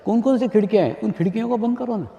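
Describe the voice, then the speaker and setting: A high-voiced man delivers a spiritual discourse with a mellow, dark tone, repeating his points and putting rhetorical questions to his listeners. The sound is a dull lo-fi archive recording with long reverb from a large hall. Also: very fast, creaky. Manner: repeats phrases, asks the audience rhetorical questions. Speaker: spiritual teacher.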